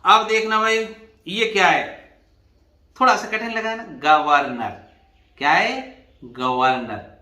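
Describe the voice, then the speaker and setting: A man's voice: high voice, animated, slow, long pauses, sharp tone, roomy sound. A man teaching an exam revision lesson, explaining patiently and spelling words out letter by letter. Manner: addresses students as "bhai".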